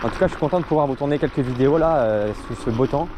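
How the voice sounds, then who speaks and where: A man's voice: mid-range voice, very fast. Young Frenchman vlogging, noisy outdoor recording. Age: young adult. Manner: informal, slangy, enthusiastic. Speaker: vlogger on an electric scooter. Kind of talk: casual ride-along vlog chat. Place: outdoors, riding through streets and forest. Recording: noisy outdoor ride, vehicle and wind noise.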